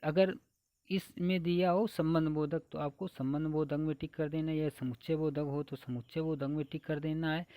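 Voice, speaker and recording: A man's voice: a little high, warm tone, no echo. Man teaching an exam-prep grammar lesson. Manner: repetitive, walks through a numbered list, asks and answers own questions.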